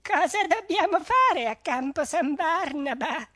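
A man's voice: extremely high pitch, lively intonation, takes it slowly, sharp tone, no room sound, clean studio sound, voice pushed up, heavily acted. A man reading a story and voicing an anxious young female sheep who keeps asking worried questions.

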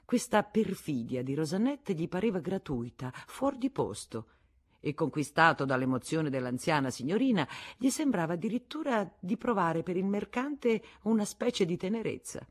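A man narrating a novel as an audiobook, with measured literary reading. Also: high-pitched, very animated.

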